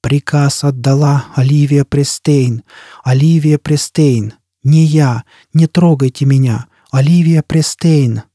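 A woman's voice: low-pitched, steady tone, slow pace, warm tone, dry recording, clean studio sound. A man voicing a terrified woman who shrieks and pleads for her life in an audiobook. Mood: terrified pleading.

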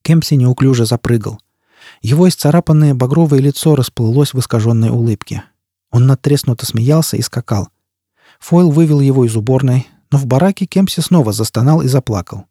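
A man reading an audiobook in a steady, measured way, his voice husky and mellow rather than bright. He is recorded close on a studio mic with a completely dry sound. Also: medium pitch, no room sound. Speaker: audiobook narrator. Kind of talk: scripted narration.

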